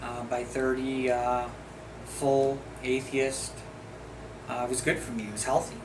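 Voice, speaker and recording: A man's voice: mid-range voice, a little slow. A middle-aged man from the United States hosting a video, talking in a casual, rambling monologue full of wandering, jokey asides. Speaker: video host. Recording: steady background noise.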